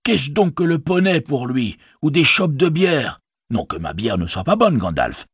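A man voicing a chatty, fretful stout innkeeper who rambles and exclaims, with a husky voice. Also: mid-range voice, sing-song, measured pace, no echo, clean studio sound, voice pushed up, exaggerated voice. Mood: rambling.

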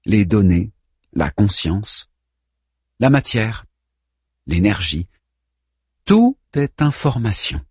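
A man reading a science fiction novel aloud with expressive narration. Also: on the low side, slow pace, pauses often, slightly rough, no room sound, clean studio sound. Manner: expressive, varied delivery. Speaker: audiobook narrator. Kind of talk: scripted narration.

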